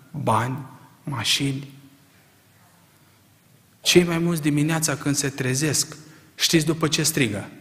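A male preacher with a somewhat high voice delivers an emphatic sermon full of rhetorical questions. He moves between quiet, measured passages and loud outbursts. His voice rings out with a long reverb in a church hall.

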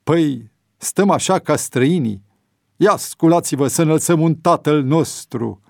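Bold prison priest, played by a man, preachy and loud, close dry sound. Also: medium pitch, lively intonation, dry recording, lightly acted. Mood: commanding. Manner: forceful, preaching, declaiming. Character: tall bearded priest, bold and commanding.

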